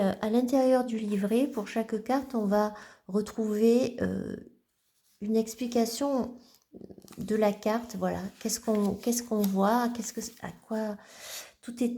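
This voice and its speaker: A woman vlogger casually showing her card decks, talking gently and haltingly with many restarts. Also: a little high. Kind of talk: casual show-and-tell vlog.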